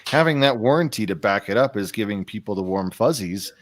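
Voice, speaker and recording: A man co-hosting a casual car podcast, telling stories with animated quoted voices. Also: fairly low pitch, a little fast, dry recording. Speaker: podcast co-host.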